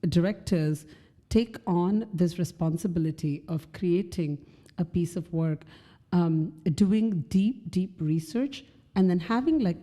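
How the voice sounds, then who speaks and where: Deep, very dark-voiced woman co-host. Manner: thoughtful, searching for words with fillers. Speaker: podcast co-host. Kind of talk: casual conversational chat.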